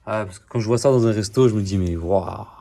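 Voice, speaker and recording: Low-voiced joking French mechanic vlogger. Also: male voice, fast, vocal fry, mellow. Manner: joking, swears a lot, talks nonstop. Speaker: DIY car repair vlogger. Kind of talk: casual chatty self-filmed video. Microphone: phone camera.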